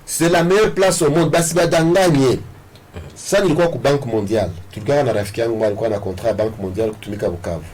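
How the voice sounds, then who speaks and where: Talking fast in a darkish, medium-pitched voice, a political candidate with a Congolese accent switches between Swahili and French during an interview. He sounds emphatic and confident and repeats himself for effect, over clearly noisy ambience.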